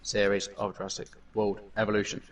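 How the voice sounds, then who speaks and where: A man hosts a casual gameplay commentary in a low-set voice, rambling along with plenty of fillers and restarts. He sounds set back from the microphone, as if the mic sits some distance away. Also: completely flat delivery, a little fast. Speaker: gaming channel host.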